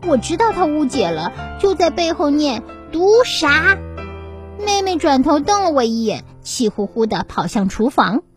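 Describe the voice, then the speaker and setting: Animated woman reading children's stories. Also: sits high, moderate pace, few pauses, soft background music. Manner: animated, expressive storytelling. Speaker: children's essay reader and host.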